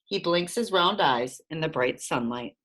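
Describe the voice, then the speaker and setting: A woman narrating a children's storybook in an expressive, lively reading voice. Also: deep voice, a little slow, slight background noise.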